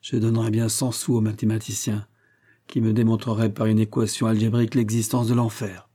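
A man's voice: lowish voice, little pitch movement, a little fast, mellow, slightly rough. A man reading the part of a sardonic, mock-gloomy young dinner guest in an audiobook.

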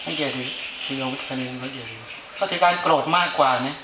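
A man's voice: medium pitch, quick pace, background noise. A male Buddhist monk giving an informal dharma talk, speaking conversationally and often asking the listeners to agree with him. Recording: roomy echo with faint ambience.

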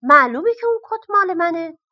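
A woman voicing a sly, greedy male miser in a storybook reading, sneering and shrill. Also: sing-song, lo-fi sound. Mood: scheming.

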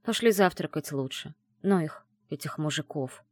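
A woman's voice: sits low, lively intonation, normal speed, darkish tone, no room sound, studio quality. A woman voicing a teasing young witch friend in an audiobook, in a playful, mocking manner. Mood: indignant. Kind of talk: audiobook character voice.

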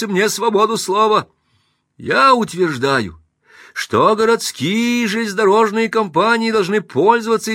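A man voicing a flustered middle-aged alderman who protests in a high, shouting voice before an angry crowd. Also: dry recording, clean studio sound, heavily acted.

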